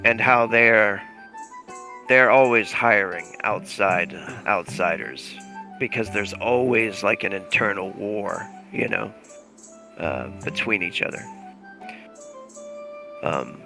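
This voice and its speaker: A man's voice: lowish voice, slow pace, gravelly, pauses often, pushed and bright, faint music behind. A man narrating as game master of a tabletop role-playing game, telling it in a loose, rambling way with many fillers.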